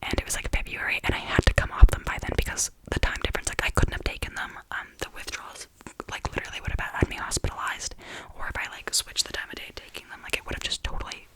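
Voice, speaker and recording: A woman's voice: fast, low-quality recording. A woman venting in a casual ASMR whisper, exasperated and sardonic, rambling and repeating her phrases. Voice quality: whispery, breathy with creaky edges. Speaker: ASMR creator.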